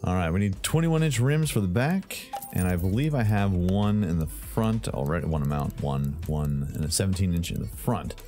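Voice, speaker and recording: Warm, low, and animated, the gaming host talks at a normal speed with few pauses as he fixes up a hot rod for his channel. His commentary is goofy, full of silly sound effects and bits of singing, over quiet game music.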